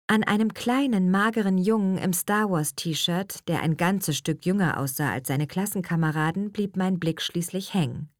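A woman narrating a story in the first person, reading in a lively, expressive way. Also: on the low side, moderate pace, few pauses, no room sound, studio quality. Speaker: audiobook narrator.

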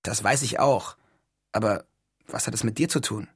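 A man's voice: fairly low pitch, moderate pace, husky, dry recording, clean studio sound. A man voicing a shy, hesitant teenage boy. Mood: unsure. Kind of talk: audiobook reading.

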